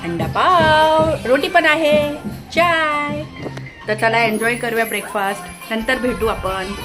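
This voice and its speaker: A young mother with a Marathi accent talks her way through breakfast in her home kitchen, her voice sitting a little high. She chats warmly to the camera and slips into sing-song baby talk with her little one. Music plays in the background of the phone recording. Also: lively intonation, takes it slowly. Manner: chatty, coos and baby-talks to her toddler. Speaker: vlogger mother. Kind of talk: casual family vlog chat.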